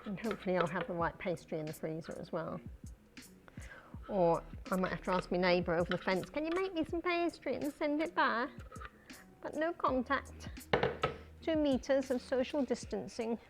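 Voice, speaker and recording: A woman with a broad New Zealand accent chatting casually and colloquially as she hosts a cooking livestream, in a jokey way. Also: medium pitch. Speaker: livestream host.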